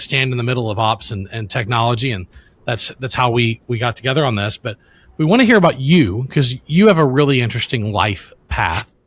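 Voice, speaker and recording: A man's voice: medium pitch, a bit bright. A man, co-hosting a casual podcast interview in a chatty, friendly way with many restarts. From Louisiana, US. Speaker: podcast co-host.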